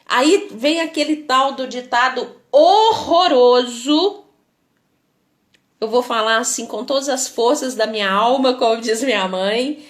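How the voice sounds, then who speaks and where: A woman with a Brazilian Portuguese accent, hosting a live motivational talk and answering viewers, speaking emphatically and acting out what people say. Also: on the high side. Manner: emphatic, animated, acts out quoted dialogue.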